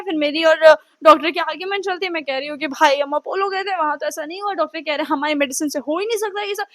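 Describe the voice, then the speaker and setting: Teen girl doing a storytime vlog, super high voice, dramatic and chatty. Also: fairly bright tone. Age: teens. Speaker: vlogger.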